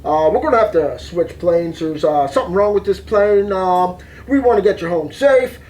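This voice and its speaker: A man voicing an airline captain making a halting announcement with many pauses. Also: high voice, darkish tone, pitched below the performer's own voice, lightly acted, rough recording. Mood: apologetic. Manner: hesitant, full of uh's.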